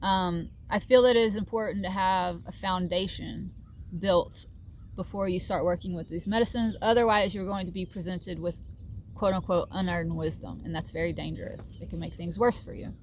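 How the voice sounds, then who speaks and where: A woman's voice: on the low side, steady tone, moderate pace, a little hiss or hum. A middle-aged woman talking casually to camera about her healing journey, earnest and reflective, with many fillers. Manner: earnest, reflective, with frequent fillers and soft laughs. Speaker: vlogger sharing a healing journey. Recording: faint outdoor ambience with crickets.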